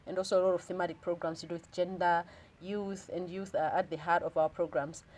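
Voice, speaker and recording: Fast-talking Malawian woman, earnest guest. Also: on the low side, little pitch movement, a little mellow. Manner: earnest and reflective, switches languages mid-sentence. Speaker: interview guest. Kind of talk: casual interview conversation.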